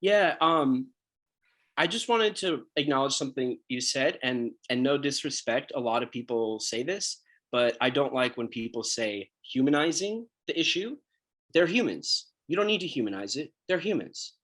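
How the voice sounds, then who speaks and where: Guy filmmaker talking straight, fired up, restarts a lot, middle pitch. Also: lively intonation, normal speed, fairly bright tone. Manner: blunt, passionate, repeats words. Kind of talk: casual online panel talk.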